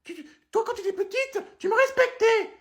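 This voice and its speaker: A man's voice: very high-pitched, a little fast, fairly bright tone. A man playing a strict, crude grandmother scolding her family in a comedy sketch. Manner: scolding, bossy.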